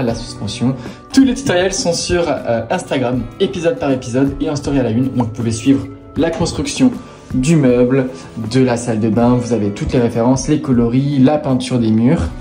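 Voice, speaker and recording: With a mellow, medium-pitched voice at an ordinary pace, a man guides viewers around an apartment under renovation, chatting casually as he walks. Soft music plays underneath.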